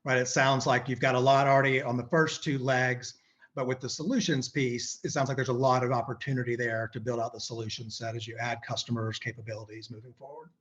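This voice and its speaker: Male interviewer, brisk and chatty, filler "right"s; lo-fi muffled audio. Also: medium pitch, little pitch movement, a bit bright. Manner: quick, uses "right" as filler. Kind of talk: investor interview questions.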